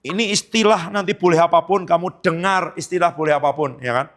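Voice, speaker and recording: A man's voice: fairly high pitch, a little fast, a bit bright. A man pastor preaching a sermon in a conversational way, often asking the congregation questions.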